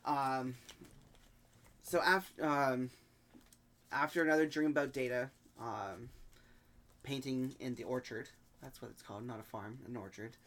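A man hosting a podcast and recapping an episode in a relaxed way, with lots of ums. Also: medium pitch. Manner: easygoing, halting with many ums. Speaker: podcast host. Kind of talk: casual recap chat.

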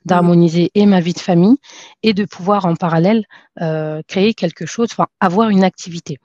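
Speaking fairly quickly, a woman from France in her thirties answers podcast questions in a relaxed, halting way, restarting often and leaning on fillers. Her pitch sits fairly low, her tone is dark, and her intonation stays fairly even. Dry, dull, lo-fi audio.

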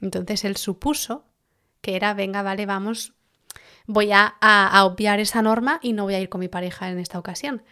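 A woman's voice: mid-range voice, moderate pace. Woman telling a juicy story. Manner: lively storyteller, colloquial and joking. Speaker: podcast co-host. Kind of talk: casual chat, telling a listener's story.

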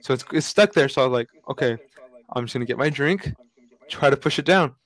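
Brief: young male podcast co-host, chatty storyteller, mid-pitched. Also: fairly quick, poor audio. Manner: storytelling, animated with lots of fillers. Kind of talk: casual chat.

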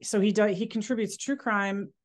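A woman's voice: medium pitch, fairly even intonation, normal speed. A woman guest on a podcast, telling stories casually with fillers and restarts. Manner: rambling, many fillers and restarts. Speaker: magazine guest. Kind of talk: casual interview chat.

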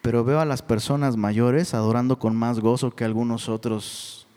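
A middle-aged Mexican man preaching a sermon in a casual, animated way, often calling listeners "bro.". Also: medium pitch, normal speed. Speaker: pastor. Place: church hall. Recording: long hall reverb.

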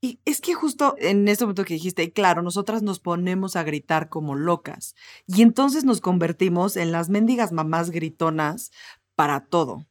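A woman's voice: lowish voice, expressive, normal speed. A woman host and mother, chatting casually in a firm, emphatic way. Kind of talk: casual conversational chat.

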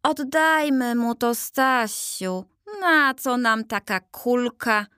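A woman voicing a second old gentleman statue, wry and plain-spoken. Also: on the high side, slow, clear, resonant tone, no room sound, clean studio sound, pitched above the performer's own voice.

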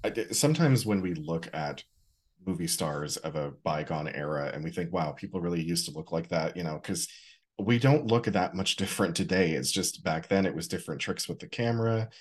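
A man in his forties co-hosting a casual podcast, relaxed and wry as he shares film history. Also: deep voice, a little fast, husky. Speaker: podcast co-host. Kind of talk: casual chat.

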